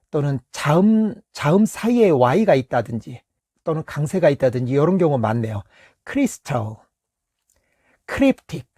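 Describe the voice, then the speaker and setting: A middle-aged man teaching English vowel pronunciation in a patient, step-by-step way, pausing often and stretching out example words. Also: a little high, breathy edge, no room sound, clean studio sound. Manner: patient, steady explaining with many pauses and fillers; reads words slowly and stretches them as examples. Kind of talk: explanatory lesson.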